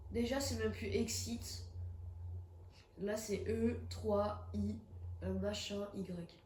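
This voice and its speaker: A little high and darkish in tone, this young woman's voice comes through a phone with roomy sound and a faint hiss or hum. She has a cold and is streaming a horror game, talking casually and exclaiming whenever she's startled.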